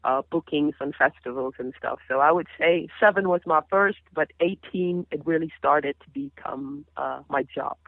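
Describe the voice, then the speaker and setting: This singer, a Caribbean woman in her thirties who grew up speaking Papiamento, talks at a moderate pace with hardly any pauses in a low voice. Over a phone line, in a dry recording, she chats casually as an interview guest, animatedly telling stories full of restarts.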